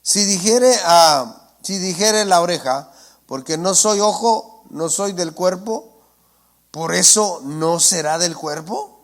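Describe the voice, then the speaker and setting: A man's voice: high voice, slow. A male preacher, giving a sermon and often asking his congregation "¿entiende?". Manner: asks the congregation for assent, calls them brothers. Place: church.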